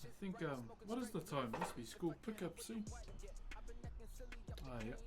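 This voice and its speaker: A man's voice: a little high, sing-song, measured pace, music in the background. A man with a broad New Zealand accent chatting casually to livestream viewers in a laid-back, slangy, matey way. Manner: laid-back, slangy, addressing viewers as bro and mate-like pals. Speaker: livestream host, woodcarver.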